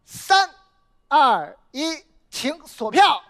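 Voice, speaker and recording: A woman hosting a comedy contest show, announcing the vote countdown in a brisk way. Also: sits high, big pitch swings, a bit bright. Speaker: show host.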